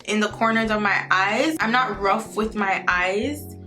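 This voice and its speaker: Faint music sits behind a woman's bright, forceful mid-range voice as she speaks at a measured pace. She's a beauty vlogger in her twenties with a Jamaican accent, chatting casually and upbeat to the camera about skincare. The clip was made in a room at home, not a bathroom, using a camera mic.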